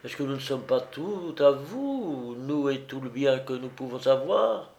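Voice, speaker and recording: A man's voice: mid-range voice, very animated, unhurried, a little mellow, pitched above the performer's own voice. A man reading aloud, voicing a sly, persuasive woman housekeeper who coaxes her mistress. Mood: wheedling. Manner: wheedling, persuasive.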